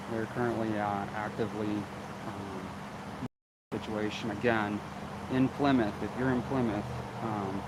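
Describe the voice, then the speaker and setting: Male street reporter, unscripted breaking news, halting speech, little pitch movement, heavy wind and vehicle noise outdoors. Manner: halting, repeats himself. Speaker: local news livestream reporter. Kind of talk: live on-scene breaking news update, unscripted. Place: outdoors on a street at an active scene.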